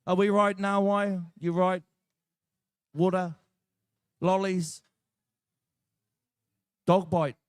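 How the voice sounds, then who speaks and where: A man's voice: high-pitched, steady tone, extremely slow, pauses often, clean tone, no echo, clean studio sound. A man with a New Zealand accent announcing a live competition in an informal, practical, directing way.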